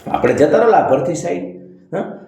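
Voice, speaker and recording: A man's voice: on the high side, expressive, fairly quick, warm tone, reverberant. A man giving a blunt, preachy motivational monologue, scolding and sarcastic, often tossing in rhetorical "hm?" asides. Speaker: motivational speaker.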